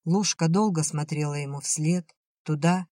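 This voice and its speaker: A man reading a novel aloud in an even, measured storytelling voice. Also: on the high side, no room sound, clean studio sound. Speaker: audiobook reader. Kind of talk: scripted narration.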